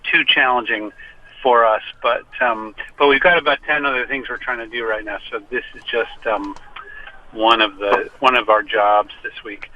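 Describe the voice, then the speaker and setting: A man's voice: mid-range voice, steady tone, normal speed, slight background noise. Brief: male musician guest on a muffled phone line from his car, rambling, self-deprecating. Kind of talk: casual phone interview.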